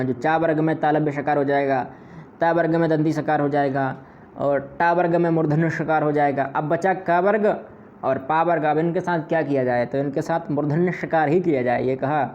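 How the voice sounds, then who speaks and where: A man's voice: fairly high pitch, darkish tone. Man explaining grammar in a lesson. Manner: patient step-by-step explaining, repeating examples. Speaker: Sanskrit grammar teacher. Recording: slightly dull lo-fi audio with faint noise.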